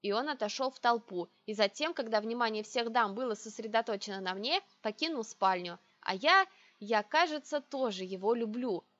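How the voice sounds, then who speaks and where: A woman narrating a first-person fantasy audiobook with a wry, measured delivery. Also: fairly high pitch, lively intonation, fairly bright tone. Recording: dry, slightly dull audio.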